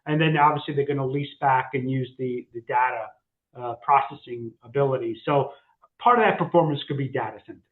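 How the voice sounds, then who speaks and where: Echoey phone-line man talking markets. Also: mid-range voice. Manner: halting, many restarts and fillers. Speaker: co-host, financial advisor. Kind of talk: casual market discussion.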